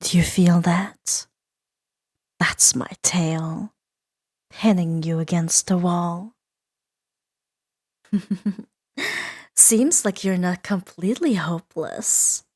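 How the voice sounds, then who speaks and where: In a roleplay ASMR audio drama, a woman plays a female demon who is seductive, menacing and playful, teasing and imperious by turns and slipping into breathy whispers. Her voice is on the low side and darkish, and she speaks slowly with frequent pauses.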